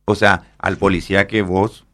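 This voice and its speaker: A man's voice: sits low, level tone, normal speed, fairly bright tone. A man explaining things at length, with many fillers and tag questions. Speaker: guest. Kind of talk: explaining an app in a radio interview.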